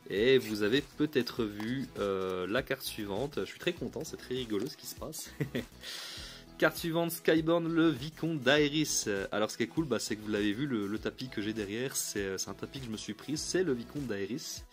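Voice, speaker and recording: A man's voice: fairly low pitch, normal speed, soft background music. A man giving a casual, upbeat card review. He talks in a chatty way, often restarts mid-phrase and chuckles lightly.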